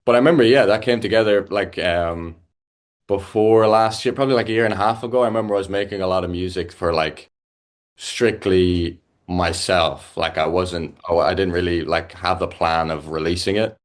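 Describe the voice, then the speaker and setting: Deep-voiced and fairly even in intonation, the young Irish musician talks casually in an interview. He hesitates often, relying on fillers and restarting his sentences.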